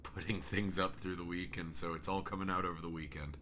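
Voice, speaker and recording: A man's voice: sits low, fairly even intonation, brisk, bright, forceful tone, a little hiss or hum. A man co-hosting a casual podcast, tired and joking, laughing often. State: tired, yawning. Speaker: podcast co-host. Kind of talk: casual chat.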